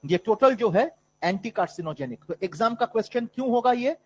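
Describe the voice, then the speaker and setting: A man with a high voice lectures a biology class in that carries an influence. He switches freely into English for the terms and keeps calling his students "beta". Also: lively intonation, brisk, darkish tone, a little hiss or hum, poor audio. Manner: mixes Hindi and English, calls students "beta". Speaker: biology teacher.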